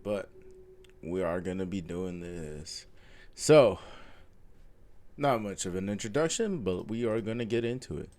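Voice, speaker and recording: His voice sits low and darkish, animated but a little slow, with many pauses. Congested from a cold, this self-taught coding vlogger casually reads through a course aloud, thinking as he goes and often saying um or correcting himself.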